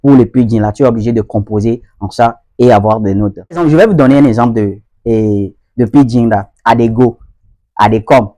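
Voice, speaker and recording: A man's voice: medium pitch, a little fast, warm tone, no echo. A man hosting a casual video lesson, talking straight to his viewers, repeating points and often checking they follow. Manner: repetitive, addresses viewers directly with frequent checks for understanding. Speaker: host of an English-learning channel.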